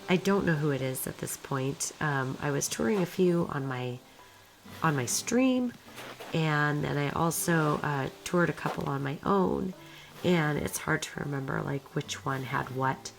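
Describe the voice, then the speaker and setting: A woman with a raspy, hoarse smoker's voice, worn from being sick, giving casual, rambling gameplay commentary in an informal way. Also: sits low, a little slow, a little hiss or hum, low-quality recording. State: hoarse from a recent illness. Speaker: video creator narrating game footage.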